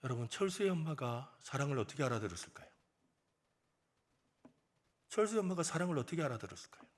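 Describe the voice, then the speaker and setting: A man's voice: medium pitch, big pitch swings, fast talker. A male pastor preaching a sermon in a church, telling a story with animation and asking the congregation rhetorical questions. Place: church sanctuary.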